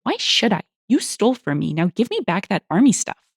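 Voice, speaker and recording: A woman's voice: mid-range voice, huge pitch swings, a little fast, husky, dry recording, clean studio sound, heavily acted. A woman voicing an angry, entitled woman who shrilly accuses a stranger of theft in a storybook tale. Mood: accusing, shrill.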